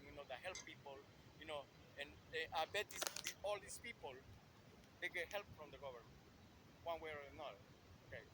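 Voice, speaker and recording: A man from El Salvador, talking outdoors in a rambling street monologue and saying "you know" constantly. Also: a little high. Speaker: vlogger. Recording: noisy street with passing traffic.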